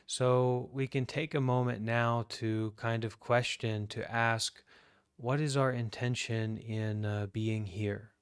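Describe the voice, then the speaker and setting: Guiding a meditation session, a Buddhist monk from the United States speaks at medium pitch in a voice that's smooth and barely varies. He delivers short phrases slowly and deliberately, separated by long, calm pauses. The recording is close and dry, without any echo.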